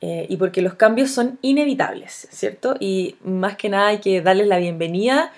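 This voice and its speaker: A Chilean woman of around forty talks alone into her podcast mic. She is earnest and thoughtful, stopping often on small fillers as she works through her ideas. Her pitch sits in the middle range. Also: moderate pace. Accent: Chilean Spanish. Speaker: podcast host. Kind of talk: solo reflective podcast monologue.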